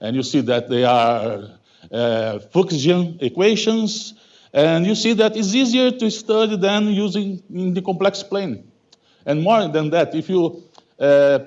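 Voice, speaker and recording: A Brazilian man in his fifties, a native Portuguese speaker with a Brazilian Portuguese accent, delivers a halting academic talk as a guest lecturer in a lecture hall, full of self-corrections and "okay?". His voice sits a little high and a little mellow, and the sound is lo-fi.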